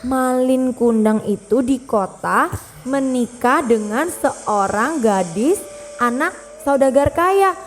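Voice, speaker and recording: A young mother reads a folk tale aloud to her child, keeping it animated and interactive. Her voice is high and bright, and she often stops to check in with the listener. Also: slow, a little hiss or hum. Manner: animated, asks the child questions. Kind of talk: bedtime storytelling to a child.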